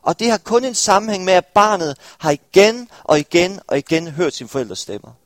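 A young man preaches to his congregation. His voice sits somewhat high for a man and sounds close and dry. He talks earnestly and keeps asking his listeners questions. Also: animated, no room sound. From Denmark. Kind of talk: sermon. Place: church hall with congregation.

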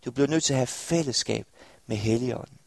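With a medium-pitched voice and noticeable vocal fry, a young Danish man gives an earnest sermon in a church hall, frequently questioning the congregation. No echo is present.

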